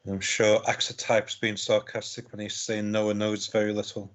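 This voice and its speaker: A man co-commentating a live game, measured and reflective as he chimes in on plays. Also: lowish voice, little pitch movement.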